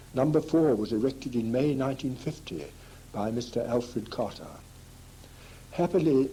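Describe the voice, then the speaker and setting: A man's voice: mid-range voice, dark tone, low-quality recording. A man reads a scripted local history narration. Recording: amateur 1985 village tape, background noise.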